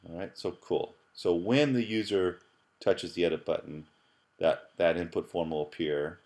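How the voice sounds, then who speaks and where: A man with a very deep voice narrates a screencast tutorial on app programming at normal speed. He's a middle-aged professor who sounds relaxed, like a teacher at his desk, explaining casually as he goes, thinking aloud with fillers and restarted words.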